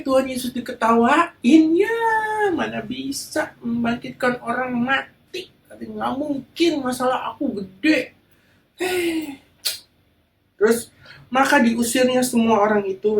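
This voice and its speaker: A children's church teacher telling a Bible story to kids in a lively way and acting out the quotes. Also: medium pitch, recorded from a distance. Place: church hall. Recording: echoey room, voice from afar.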